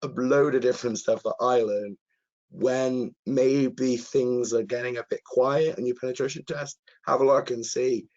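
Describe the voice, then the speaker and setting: A man with a hoarse, croaky voice answers questions as an earnest, enthusiastic presenter in a live webinar. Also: medium pitch, steady tone, normal speed, darkish tone, dull audio. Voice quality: croaky, husky. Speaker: presenter, cyber security content author.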